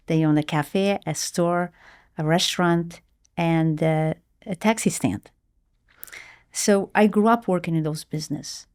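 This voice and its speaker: A woman's voice: fairly low pitch, a little mellow. A middle-aged woman from Portugal, telling her life story earnestly in an interview, with hesitant restarts. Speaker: guest, marketing executive.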